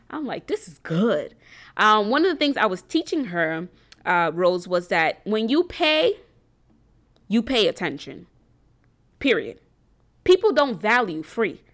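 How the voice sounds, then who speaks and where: A woman's voice: mid-range voice, fairly bright tone. A woman hosting a faith and business group, talking casually and earnestly to her viewers, rambling a little with many ums and restarts. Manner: preacherly and earnest.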